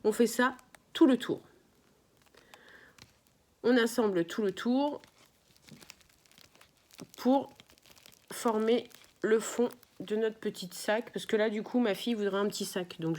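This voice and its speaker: A woman's voice: medium pitch, a little slow, long pauses, darkish tone. A middle-aged woman, chatting through a step-by-step craft demonstration and explaining each move as she works. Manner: chatty, explains while working, often apologizes. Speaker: crafts tutorial host.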